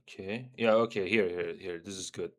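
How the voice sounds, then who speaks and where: On a casual livestream, a young man from Syria speaks in a low, slightly bright voice with a steady tone and normal speed. His talk is loose and blunt, peppered with swearing and frequent tag questions of "right?"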